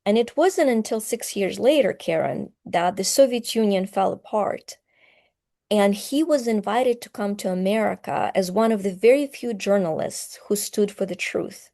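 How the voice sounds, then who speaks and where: A woman's voice: medium pitch, normal speed, vocal fry, dark tone. A woman in her fifties, from Ukraine, telling personal stories as a podcast guest in an earnest, heartfelt way. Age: 50s. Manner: earnest and heartfelt, choking up at times. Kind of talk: emotional personal storytelling.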